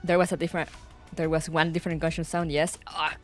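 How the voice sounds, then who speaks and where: A woman's voice: sits low, flat delivery, quick pace, soft background music. A woman giving casual, rambling commentary as she plays through a video game. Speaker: game streamer. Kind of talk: casual playthrough commentary, reading dialogue aloud.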